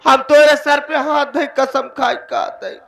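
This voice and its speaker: A man's voice: very high voice, fairly even intonation, measured pace, gravelly, a bit bright, heavily acted. A man playing a protective elder sister in a folk stage drama, speaking in an insistent manner.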